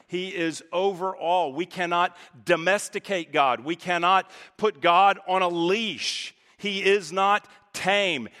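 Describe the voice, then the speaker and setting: Emphatic preaching man in a big hall. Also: bright, forceful tone. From Texas. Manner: preaching with emphatic swings in pitch and volume. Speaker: pastor. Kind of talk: sermon. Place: church sanctuary. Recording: reverberant church hall.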